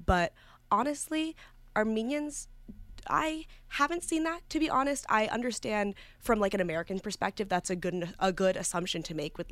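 A woman's voice: lowish voice, no room sound. A young woman from New York, a student guest talking earnestly in a casual interview, with many fillers and restarts. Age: young adult.

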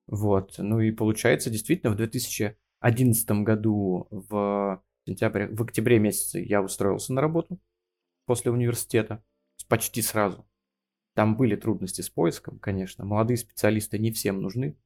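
A man's voice: fairly low pitch, fairly even intonation, fairly quick, vocal fry, a little mellow. A man in his thirties from Russia, a geography teacher talking as a podcast guest, hesitant and full of fillers. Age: 30s. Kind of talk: casual interview.

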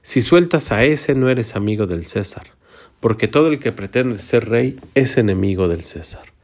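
A single man speaking for an accusing crowd that insists on its demands. The voice stays lowish, and the cries are pressed but never truly shouted. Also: animated, moderate pace. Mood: insistent. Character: accusing crowd of priests and people.

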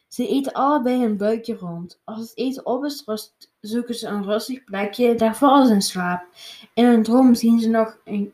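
A woman reading a children's picture book aloud, slowly and with small slips and restarts. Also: on the high side, a little mellow, echoey room. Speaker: storybook reader.

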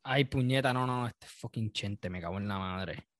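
A man's voice: fairly low pitch, normal speed, fairly bright tone, dry recording, clean studio sound. A man with a Puerto Rican Spanish accent hosting a casual podcast, reacting loosely and profanely and laughing often. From Puerto Rico. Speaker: podcast host.

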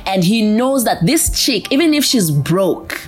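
A young woman with a Zambian accent talks as the host of a casual solo podcast. Her voice sits at a medium pitch and her delivery is informal and chatty. Faint music plays along with her speech. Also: sing-song, measured pace. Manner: chatty, informal, slips between English and a local language.

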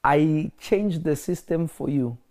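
A man's voice: a little high, slow, darkish tone. A man delivering a prophetic word to a caller, declaring blessings and often asking if he is listening. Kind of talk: prophetic ministry over a phone call.

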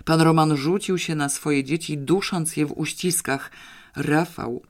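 An audiobook narrator reading a children's novel with lively, even storytelling. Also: medium pitch, unhurried.

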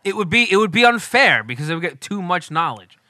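A man's voice: sits high, sing-song, fast talker, bright, forceful tone, a little hiss or hum. A young man co-hosting a podcast, chatting casually and telling stories in a loose, joking way. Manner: loose, joking storytelling with laughs. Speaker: podcast co-host. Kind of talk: casual chat.

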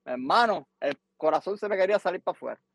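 A high-pitched, gravelly, slightly rough voice belongs to a middle-aged Cuban musician talking fast as a podcast guest. In his Cuban Spanish accent he tells a long story, animated throughout, repeating words and acting out the things people said to him.

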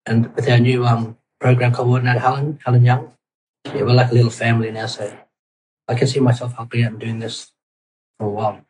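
A middle-aged man, a cultural guide answering interview questions in a halting way, with many pauses and restarts. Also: mid-range voice, little pitch movement, a little mellow, a little hiss or hum, low-quality recording. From Australia, Torres Strait Islands.

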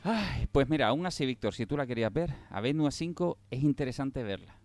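Animated man chatting about series. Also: medium pitch, a little fast, faint music behind. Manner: animated storyteller, acts out quoted lines. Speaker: podcast host. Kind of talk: casual chat about streaming series.

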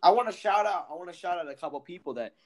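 Halting teenage boy co-hosting a podcast. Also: high voice, lively intonation, a little mellow. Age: teens. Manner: halting, repeats words. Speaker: podcast co-host. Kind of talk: casual podcast chat.

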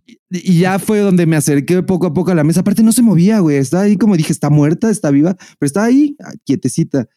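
A man with a Mexican Spanish accent, co-hosting a podcast and telling a story in casual, animated chat, full of swearing and laughter. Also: sits high, fast talker, no room sound, clean studio sound. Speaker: podcast co-host.

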